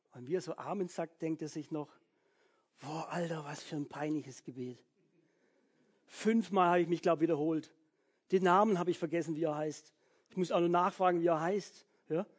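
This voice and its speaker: A man with a high, husky voice delivers a sermon. He talks to his listeners as if chatting with them, keeps tossing in quick "ja?" check-ins, and slips into the inner voices of the people in his stories. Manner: conversational, frequent "ja?" tag questions; acts out people's inner thoughts. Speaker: preacher.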